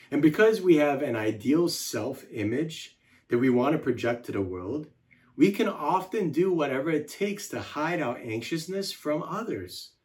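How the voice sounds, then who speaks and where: A man giving a devotional teaching in a measured, reflective way, slowing down to list words one by one. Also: a little high, a little mellow. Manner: measured, reflective delivery with slow listed words.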